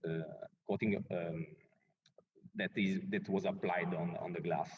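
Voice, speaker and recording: Long reverb and dulled sound surround a low-voiced man. He answers conference questions as a researcher, haltingly, often searching for the next word. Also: steady tone, a little hiss or hum. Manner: very hesitant, searching for words. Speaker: presenting researcher. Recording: muffled, reverberant hall sound.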